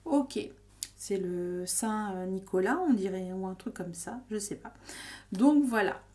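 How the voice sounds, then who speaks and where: A woman's voice: medium pitch, measured pace, a little mellow. A woman giving a casual tarot reading to her viewers, talking in a hesitant, meandering way full of fillers and restarts. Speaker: tarot reader.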